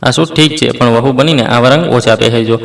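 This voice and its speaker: A man's voice: mid-range voice, a little fast, gravelly, lightly acted. A man voicing a condescending mother-in-law. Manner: mock-sweet, belittling. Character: scolding middle-aged mother-in-law, sweetly condescending. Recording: roomy, distant mic.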